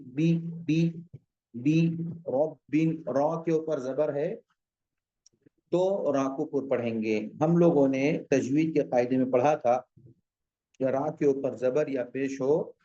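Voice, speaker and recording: A man teaching Quran recitation, modelling drawn-out words and then patiently explaining common mistakes. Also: mid-range voice, dark tone, dull audio. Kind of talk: slow tajweed lesson.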